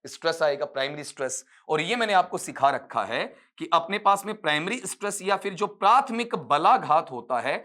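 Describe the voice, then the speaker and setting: A man teaching English phonetics for an exam. He explains step by step, addresses students fondly, and stretches words out slowly to show their sounds. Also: fairly high pitch, lively intonation, bright, forceful tone. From India. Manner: patient, explains step by step, calls students "beta". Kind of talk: exam-prep lecture.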